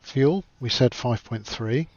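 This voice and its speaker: A man's voice: mid-range voice, takes it slowly, a little mellow, no room sound, dull audio. A man giving casual livestream commentary as he plays a flight simulator, thinking aloud in a chatty, self-deprecating way.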